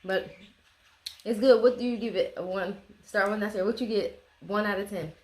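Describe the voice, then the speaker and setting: A woman's voice: mid-range voice, moderate pace, a little mellow. A woman chatting casually to camera and companions as she hosts a food taste test.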